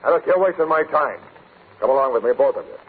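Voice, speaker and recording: An actor playing a surly, bullying ship's mate, gruff and curt, in a 1940s radio drama. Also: male voice, mid-range voice, lively intonation, quick pace. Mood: impatient, commanding. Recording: tinny 1940s radio broadcast.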